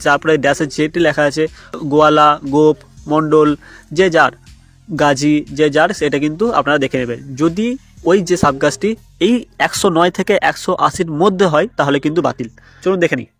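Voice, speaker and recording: A man's voice: on the high side, normal speed, fairly bright tone, soft background music. A young man from hosting an education channel, reading out a long list item by item in a plain, methodical explainer style. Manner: plain, methodical, reads items one by one.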